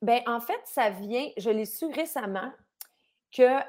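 A woman with a Québécois French accent, a singer speaking as an interview guest and telling stories with lively acted-out asides. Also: fairly high pitch, unhurried. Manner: lively storyteller who acts out quoted people. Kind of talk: casual remote interview.

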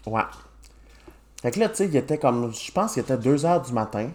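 A slightly mellow, mid-range voice with a sing-song quality comes from this Québécois podcast host in his twenties, talking fairly quickly. He keeps the chat casual, joking, self-mocking, and full of laughs.

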